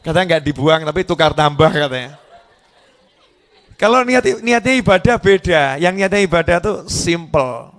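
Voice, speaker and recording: Animated male preacher with a lilt. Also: a little high, normal speed. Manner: lively, animated, humorous storytelling. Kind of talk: religious sermon.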